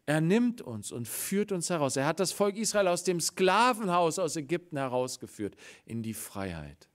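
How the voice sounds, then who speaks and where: A man preaching a Sunday sermon in a church, swinging between loud exclamations and hushed, quiet passages, and acting out the voices of the story he tells. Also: on the high side, very animated, normal speed. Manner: acts out quoted voices in the story.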